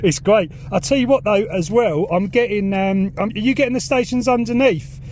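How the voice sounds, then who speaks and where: With background noise around him, a radio hobbyist with a high voice and southern English accent speaks at normal speed while vlogging in and around his parked car. He keeps things informal, friendly and eager, chatting as he demonstrates and uses his CB radio.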